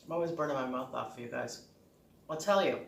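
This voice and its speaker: A woman's voice: extremely low pitch, a little fast, gravelly, a little hiss or hum. A woman with a Boston accent chats informally and ramblingly as she hosts a casual home cooking vlog. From Boston, United States. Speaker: home cook and video host. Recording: echoey room, distant microphone.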